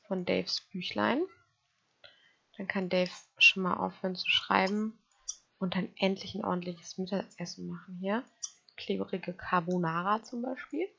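A woman's voice: mid-range voice, gravelly, a bit bright, lo-fi sound. A woman giving casual let's play commentary, chatting to her game characters and to her viewers.

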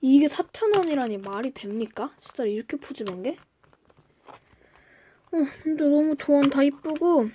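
A woman's voice: sits high, normal speed, pauses often, slight background noise. A young woman chatting casually through an unboxing review, gushing and gasping, sometimes dropping to a whisper. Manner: excitable, gushing, often gasps and drops to a whisper. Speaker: fan vlogger reviewing merchandise.

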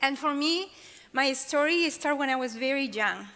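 Bright-voiced woman with a Peruvian accent. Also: high-pitched, normal speed. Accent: Peruvian Spanish. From Peru. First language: Spanish. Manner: expressive, gestures while speaking. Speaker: chapel speaker. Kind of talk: personal testimony talk. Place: large auditorium stage. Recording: long reverb of a large hall.

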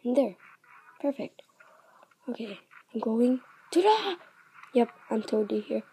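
A woman's voice: a little high, sing-song, a little slow, mellow, slight background noise, rough recording. A woman giving chatty let's-play commentary on a mobile game, narrating each move and often dropping to a half-whisper.

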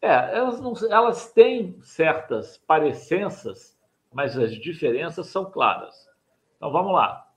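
Older male writing teacher, slightly higher pitch, explains point by point for a live webcam class. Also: sing-song, a little slow. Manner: didactic, repeats key points, asks viewers to like and subscribe. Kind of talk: live online mini-lesson. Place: home study with bookshelves.

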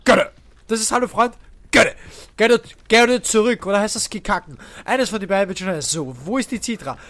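A man's voice: high-pitched, a little fast. A man with an Austrian accent giving joking, swearing gameplay commentary, yelping in fright at the action. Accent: Austrian German. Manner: excitable, joking, swearing, yelping when scared. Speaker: let's play host.

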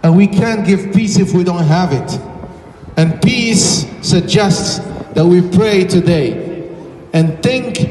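Captured on a phone somewhere in the crowd, this clip has a middle-aged imam preaching urgently at a vigil in a packed outdoor city square, his high voice climbing into shouts. His handheld mic feeds a PA, so the distant audio echoes, with a murmuring crowd and slight hiss or hum underneath.

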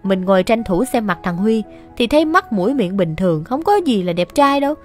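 A woman's voice: mid-range voice, very animated, brisk. A woman narrating a radio story in a chatty, gossipy, exasperated way. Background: soft music.

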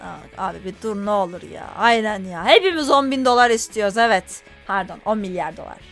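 A woman's voice: mid-range voice, expressive, a little fast, a bit bright, faint music behind. A woman gaming YouTuber giving casual, chatty let's-play commentary, teasing the game characters and complaining in mock exasperation.

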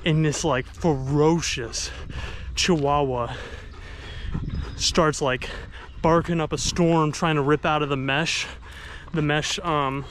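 A man's voice: on the high side, steady tone, takes it slowly, a bit bright, slight background noise. A man casually vlogging outdoors while running with his dogs, chatty and upbeat. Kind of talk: casual vlog narration. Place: outdoors on runs and in a yard.

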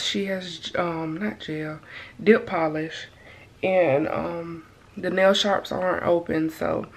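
Young woman, vlogger, unhurried relaxed talk, casual to-camera chat in a bedroom. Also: fairly low pitch. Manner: relaxed, chatty, talking straight to camera. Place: bedroom at home, indoors.

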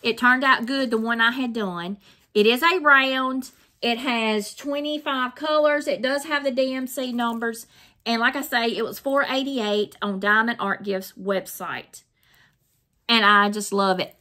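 Unhurried and a little high, her steady voice carries a bright, forceful tone as this middle-aged Mississippi woman with a Southern accent unboxes craft finds for her vlog. She's folksy, chatty and repetitive. She films in a small, plain room, and the audio is noisy, with crinkling plastic.

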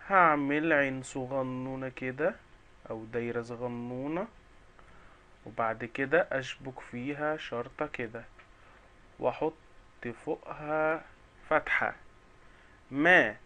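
A man's voice: medium pitch, sharp tone. A man with an Egyptian Arabic accent teaching young children the alphabet, sounding out syllables one by one in a cheerful, coaxing way.

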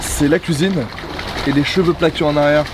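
A man's voice: fairly high pitch, fairly even intonation, moderate pace, background noise. A man in his thirties hosting a casual food vlog, joking and teasing his cameraman. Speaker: food vlogger host.

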